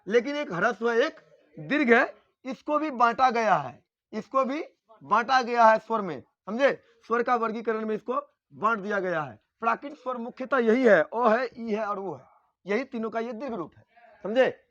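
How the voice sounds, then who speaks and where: A man teaching Hindi grammar in a classroom lecture, repeating key points, quizzing his students with questions and sounding out vowels slowly. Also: extremely high pitch, lively intonation, fairly bright tone, dry recording, lo-fi sound. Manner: sounds out vowels slowly to show their length.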